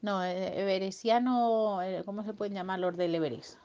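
A woman's voice: medium pitch, steady tone, normal speed, darkish tone, clear, resonant tone. A woman improvises a bedtime story for a child, full of playful sound effects and silly sung bits. The recording is dull and lo-fi, like a home device.

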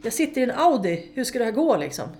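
A woman tells race-day stories in a relaxed interview, her voice lively and unfiltered as she swears freely and laughs at herself. A faint hum sits under the recording. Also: a little high. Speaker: interview guest, amateur racing driver. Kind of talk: casual interview storytelling.

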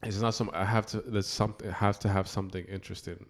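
A man co-hosting a podcast, talking in a relaxed, rambling, slangy way. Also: lowish voice, quick pace. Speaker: podcast co-host. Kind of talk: casual podcast chat.

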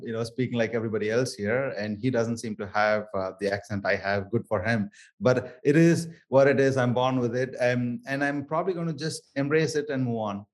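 Male interview guest, thick South Indian accent, native Tamil speaker, mid-range voice, conversational delivery. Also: mid-range voice. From Chennai area, Tamil Nadu, southern India. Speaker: interview guest, Toastmasters member.

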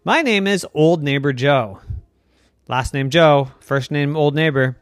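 A man's voice: measured pace, dry recording, clean studio sound, close to an everyday voice. A man doing a quirky boastful old neighbor. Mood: jaunty. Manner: jokey, rambling, bursts of high pitch.

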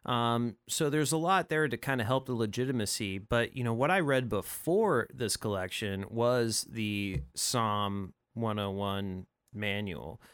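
A man co-hosting a podcast in a relaxed, joking way. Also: medium pitch, unhurried, few pauses, clear, resonant tone, dry recording, clean studio sound. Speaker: podcast co-host. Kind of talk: casual podcast chat.

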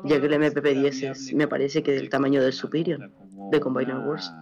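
A man's voice: mid-range voice, flat delivery, fairly quick, a crowd in the background. A Chilean man calling in to a podcast on a phone line, chatting casually and eagerly about collectibles. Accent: Chilean Spanish. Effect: caller heard over a phone line. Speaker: caller to a podcast. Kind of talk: casual chat. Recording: dull lo-fi phone call.

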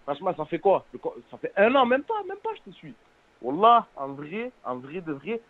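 A man in his twenties speaks with a French suburban accent, heavy on street slang. His voice sits a little high and comes through a narrow, tinny phone line. He is earnest and halting, often doubling back on oaths and words. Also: very animated. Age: 20s. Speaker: phone-in caller.

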